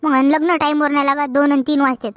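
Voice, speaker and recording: High-voiced Vidarbha village girl. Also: little pitch movement, quick pace, no echo. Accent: Vidarbha Marathi. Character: bold young village girl. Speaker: comedy actor. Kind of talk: rural comedy sketch acting.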